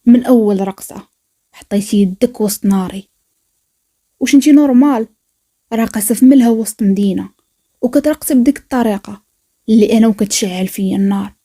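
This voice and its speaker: Give me a woman playing a menacing Moroccan mafia boss in a storybook, low and domineering, breathy tone. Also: quick pace, dark tone, lightly acted.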